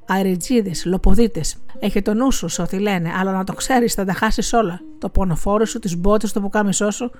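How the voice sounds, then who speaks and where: A woman's voice: mid-range voice, few pauses, darkish tone, close to an everyday voice. A woman voicing a poor, wise old woman who warns and scolds like a mother. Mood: urgent warning. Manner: urgent, warning, motherly.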